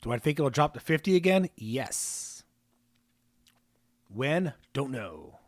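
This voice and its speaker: A man's voice: medium pitch, very animated, takes it slowly, dry recording. A man hosting a live stream, chatting casually, joking and reading viewer comments aloud. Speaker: livestream host.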